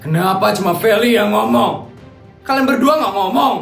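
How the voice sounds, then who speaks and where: A cold, mocking cartoon woman taunts the people who once insulted her, voiced by a cartoon actor. Her voice is mid-pitched and carries a roomy echo, with faint music under it. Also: normal speed, gravelly, natural voice. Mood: taunting. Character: once-humiliated woman now gloating over a family. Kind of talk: cartoon voice acting.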